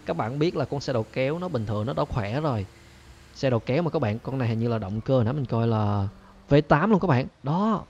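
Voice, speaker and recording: A young man casually narrating a driving game to his viewers, chatty and excitable. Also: medium pitch, lo-fi sound. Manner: excitable, chatty, talks to viewers, frequent laughs and squeals. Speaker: gaming channel host. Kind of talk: casual Let's Play commentary.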